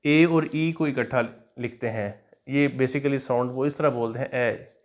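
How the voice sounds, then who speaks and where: A man's voice: mid-range voice, steady tone, measured pace. Man explaining English phonics. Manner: explanatory, repeats "theek hai na" and fillers. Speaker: English teacher. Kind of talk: explaining phonics to teachers and students.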